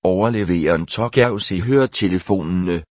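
Low-voiced male narrator, dry sound. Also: darkish tone, no room sound. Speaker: audiobook narrator. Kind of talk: scripted narration.

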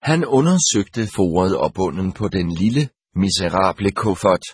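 Husky, low-voiced male audiobook narrator. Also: dry recording, clean studio sound. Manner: steady, measured first-person reading.

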